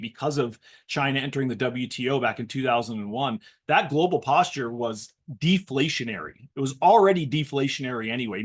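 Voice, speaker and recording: In a mid-range voice, a man on a financial panel talks economics, keeping his analysis measured and his explanations well structured.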